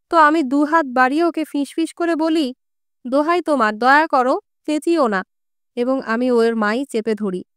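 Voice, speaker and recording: A woman's voice: high-pitched, a bit bright, clear, resonant tone, dry recording, studio quality. A woman voicing a coarse, brooding old Greek man who speaks in crude colloquial talk full of curses, in an audiobook reading.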